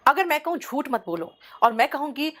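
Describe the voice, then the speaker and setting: A woman's voice: sits high, big pitch swings, a little fast, fairly bright tone. A woman teaching an online English class, explaining idioms patiently and calling her students "beta". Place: studio.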